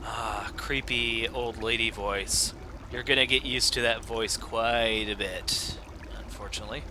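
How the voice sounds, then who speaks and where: A man hosting a let's play, giving relaxed, offhand gameplay commentary. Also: on the low side, unhurried, noisy background. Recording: voice over game music.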